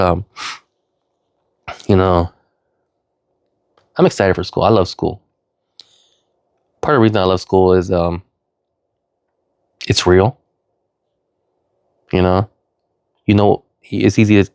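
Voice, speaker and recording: Clean studio sound, smooth and dry, captures a middle-aged vlogger who's sniffling with a cold. He wanders earnestly through his monologue, full of "you know" and other fillers, now and then leaping into loud, high emphasis.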